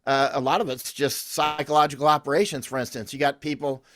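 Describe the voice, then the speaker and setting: A man's voice: medium pitch, steady tone, fast talker, fairly bright tone, a little hiss or hum. A man speaking as a podcast guest, telling rambling, anecdotal stories with restarts and confident, emphatic declarations. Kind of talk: conversational interview storytelling.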